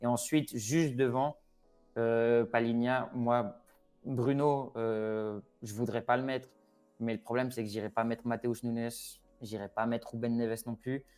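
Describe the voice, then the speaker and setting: An expert guest on Portugal with Porto roots shares his opinions in a casual football chat, hesitating with lots of fillers and restarts. His smooth, slightly dark, medium-pitched voice is steady and a little slow, with faint music in the background.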